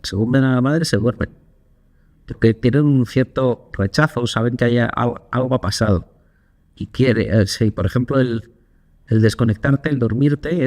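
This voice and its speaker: A man co-hosting a casual podcast, telling anecdotes and acting out quotes with energy. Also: mid-range voice. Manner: animated storyteller, acts out quotes. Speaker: podcast co-host.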